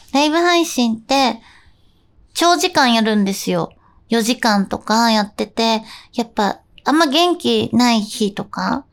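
A young woman hosting a radio corner, chatting casually and playfully about a cartoon cat quiz and her live streaming. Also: a little high.

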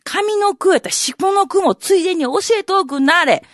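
A woman's voice: extremely high pitch, lively intonation, fairly quick, dry recording, studio quality, voice pushed up. A woman with a Kansai accent voicing a naive, uneducated man in rakugo, eagerly pestering with questions. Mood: incredulous. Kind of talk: rakugo storytelling.

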